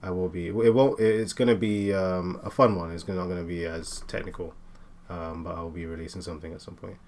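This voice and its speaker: A man in his late twenties chatting casually while he draws, talking in halting bursts with many fillers and restarts. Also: deep voice, steady tone, darkish tone. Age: 20s. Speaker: art streamer. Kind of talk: casual chat while drawing.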